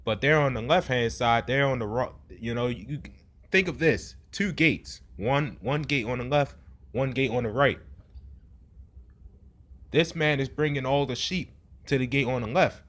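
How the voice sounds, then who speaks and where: A man's voice: medium pitch, unhurried, fairly bright tone. A man giving an informal sermon in a rambling way, with many fillers and frequent rhetorical "right?" questions. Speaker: preacher.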